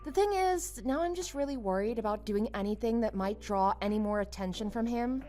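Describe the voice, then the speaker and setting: An actress playing a friendly, earnest young female office worker, confiding and expressive, in a dramatized story. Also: a little high, fairly quick, faint music behind, natural voice. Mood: exasperated, worried.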